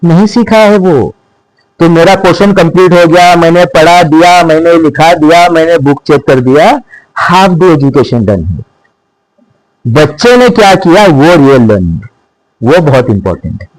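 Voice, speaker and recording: A middle-aged man, a school principal, talking to teachers in a mix of Hindi and English, slowing down to stress short English maxims. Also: a little high, lively intonation, dry recording, rough recording. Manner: mixes Hindi with English maxims, slows for emphasis. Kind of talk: speech to teachers.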